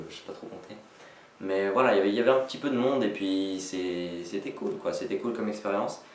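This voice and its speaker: A man with a fairly low voice chats casually to his viewers, rambling and halting as he modestly reviews himself. He sounds a bit far from the mic in an echoey room with faint noise. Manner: rambling, self-deprecating, halting. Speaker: amateur sketch writer introducing own video. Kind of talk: casual vlog chat to viewers. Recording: echoey, slightly noisy, distant microphone.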